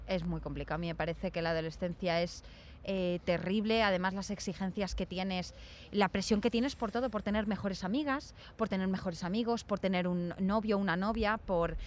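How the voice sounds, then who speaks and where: A woman's voice: mid-range voice, normal speed, slight background noise. A young woman from Spain chatting casually and telling stories, acting out the voices of people she quotes. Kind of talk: casual chat.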